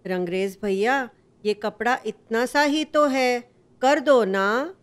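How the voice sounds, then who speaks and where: A woman's voice: on the high side, slow pace, smooth. A woman voicing a small, cheerful male mouse who pleads and boasts in a sing-song way. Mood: eager.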